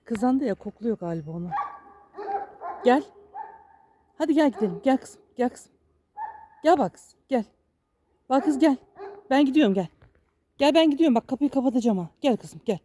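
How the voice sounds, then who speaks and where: A woman's voice: high voice, animated, a little fast, pauses often, a crowd in the background. A woman filming a casual vlog outdoors, coaxing her dog with singsong calls and chatting to viewers. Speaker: dog owner vlogger.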